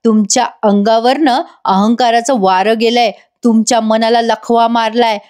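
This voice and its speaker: A distraught young husband, read by a woman in a higher pitch than a man would use. He speaks in a reproachful, accusing way. It's a plain read-through rather than full acting. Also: fairly even intonation, moderate pace, darkish tone, natural voice. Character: distraught young man confronting his wife.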